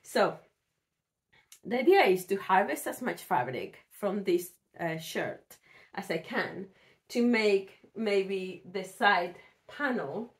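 A woman sewing vlogger, hoarse from a cold, chatting casually about her projects in a rambling way with fillers and restarts. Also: mid-range voice, expressive, slow. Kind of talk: casual chat.

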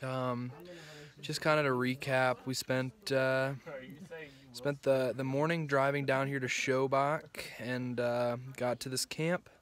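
A man's voice: medium pitch, level tone, takes it slowly, a bit bright. A man hosting a casual outdoor vlog, joking and exclaiming as he goes. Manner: jokey, easily spooked, exclaims often. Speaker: vlogger host. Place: outdoors in rocky desert camp.

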